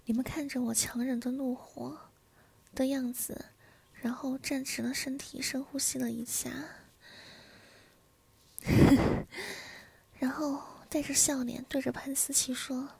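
Woman, whispered role-play, high voice, domineering, taunting, menacing. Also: level tone, a little slow, creaky, long pauses, darkish tone, breathy edge.

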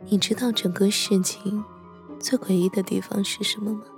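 A woman playing a gentle, teasing young hotel attendant who tells a slow, hushed ghost story to a horror writer in an audio drama, with soft music behind her. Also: mid-range voice, level tone, gravelly, natural voice. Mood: eerie. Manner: gentle, teasing, slows and hushes for eerie moments.

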